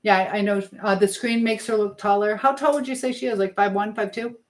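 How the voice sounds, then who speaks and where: Speaking in a mid-range voice with a steady tone, a woman moves fairly quickly as she chats affectionately on a casual live stream and reads viewer comments aloud. The recording has clear background noise with clicks.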